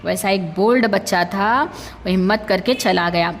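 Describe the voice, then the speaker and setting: A woman's voice: mid-range voice, unhurried, creaky, in a large hall, a little hiss or hum. A woman teacher telling a story to young children, acting out the characters and asking the class questions. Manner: lively, voices the characters and asks the class questions. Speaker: primary school teacher.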